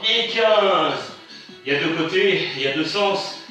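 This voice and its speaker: A man's voice: on the high side, a little fast, sharp tone. A man leading a workout class as instructor, counting reps and countdowns aloud between short motivating commands. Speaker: fitness instructor. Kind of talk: live workout class with rep counting and cues. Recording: echoey room from far off, music behind.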